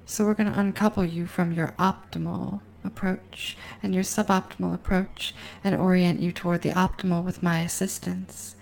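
A woman guiding a hypnosis session, speaking in a slow, repetitive, hypnotic cadence with a sultry, intimate tone aimed at the listener. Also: on the low side, flat delivery, gravelly, a little mellow, a little hiss or hum, poor audio. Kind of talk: guided hypnosis recording.

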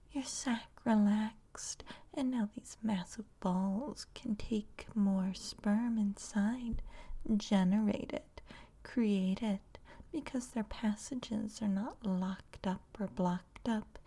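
Soft, breathy and coaxing, a medium-pitched female voice whispers as a seductive vine creature in an audio roleplay.

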